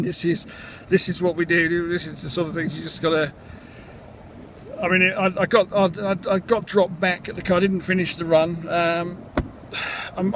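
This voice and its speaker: A man talking casually in a vlog, recounting things in a halting, rambling, matter-of-fact way. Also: sits high. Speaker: vlogger, amateur runner. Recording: outdoor noise, traffic.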